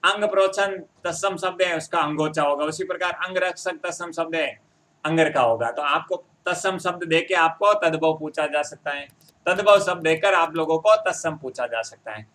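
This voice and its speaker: A man's voice: on the high side, moderate pace, fairly bright tone. A man teaching a Hindi grammar lesson, explaining step by step and often checking that his students follow.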